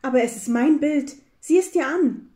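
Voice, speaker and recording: A woman voicing a young male hare in a children's story, excited and possessive. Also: slow pace. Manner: high, excited, whiny.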